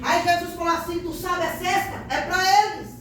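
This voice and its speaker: A woman's voice: very high voice, little pitch movement, a little fast. A woman pastor preaching an emphatic, fervent sermon with testimony in a church. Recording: echoey church hall from far off, noisy.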